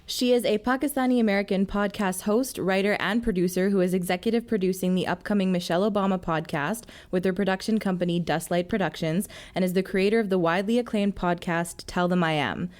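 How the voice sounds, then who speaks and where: Woman cohost, upbeat, reads the guest intro, middle pitch. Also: a little fast, few pauses, a little mellow. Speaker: podcast co-host. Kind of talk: casual podcast chat and scripted guest intro.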